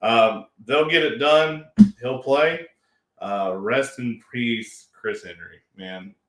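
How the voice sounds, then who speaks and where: Man hosting a sports picks show, mid-pitch voice, joking and loose, roomy echo. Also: a bit bright. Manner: loose, joking, quick asides. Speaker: show host. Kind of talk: casual sports chat.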